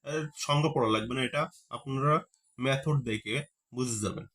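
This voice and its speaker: A man's voice: medium pitch, moderate pace, fairly bright tone. A man teaching a grammar lesson. He repeats key terms and keeps asking the class rhetorical questions.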